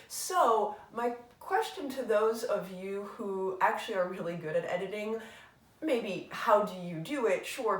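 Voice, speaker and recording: Chatting casually and reflectively for her book channel, a woman rambles through a tag with fillers and self-mocking jokes. Her mid-range voice is recorded from a distance, away from the mic, with roomy echo.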